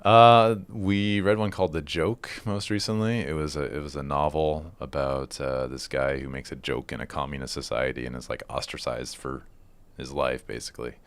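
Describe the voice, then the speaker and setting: A man's voice: a bass voice, steady tone, moderate pace, smooth. A man speaking as a podcast guest, chatting informally and often saying "like" and "you know". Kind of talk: casual interview chat.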